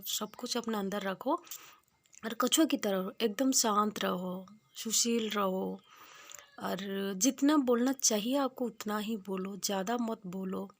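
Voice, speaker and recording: A young woman talks her way through a casual village vlog, chatting plainly and homely. She circles back to the same points and speaks in a slightly high voice. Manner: homely, repeats points, moralizing. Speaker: village vlogger. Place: village home outdoors.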